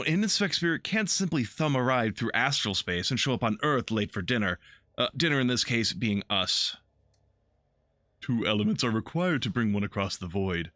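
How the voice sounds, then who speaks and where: A flamboyant painted male elf, voiced by a man reading a game aloud, playful and mocking as he lectures, his pitch leaping around with lively bounce. The voice comes through bright and dry. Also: no room sound.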